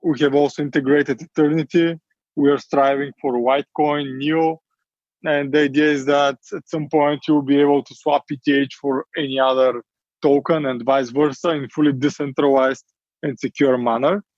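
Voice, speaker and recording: A man answering interview questions in quick bursts, with many fillers along the way. His voice sounds dry and close, with no room around it. The audio is a little dull and muffled, as on a remote call. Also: on the high side, steady tone, darkish tone, no echo. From Bulgaria. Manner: quick, eager explanations with frequent fillers. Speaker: startup CEO guest.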